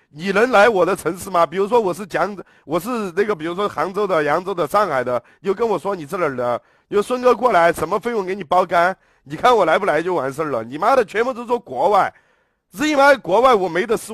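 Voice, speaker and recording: Foul-mouthed Sichuan man, high and lively. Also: fast talker, no echo, studio quality. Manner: heavy swearing, blunt and combative. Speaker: livestreamer. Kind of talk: casual livestream chat.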